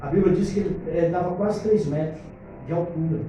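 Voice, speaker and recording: A man, a pastor preaching an animated storytelling sermon to his congregation on a handheld microphone. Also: sits high, brisk, a little hiss or hum. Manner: animated, addresses congregation as brothers. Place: church hall. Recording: echoey church room from far off, faint music.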